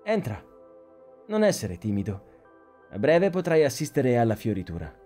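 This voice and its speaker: A man reading a story aloud, voicing a calm, measured robotic AI that runs a sealed garden habitat and gently coaxes a boy inside. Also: mid-range voice, faint music behind. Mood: coaxing.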